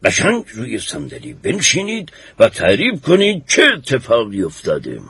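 A husky courtroom questioner. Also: male voice, on the low side, huge pitch swings, a bit bright, no room sound, heavily acted. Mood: reassuring. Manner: measured, formal questioning. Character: courtroom lawyer and old judge, measured. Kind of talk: radio drama acting.

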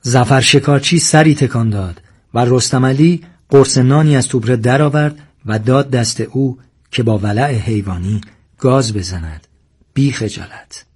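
Husky male audiobook narrator. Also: medium pitch, darkish tone.

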